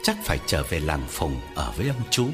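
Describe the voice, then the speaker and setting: A man narrating a Vietnamese horror story with an expressive storyteller's manner. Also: a bass voice, brisk, music in the background.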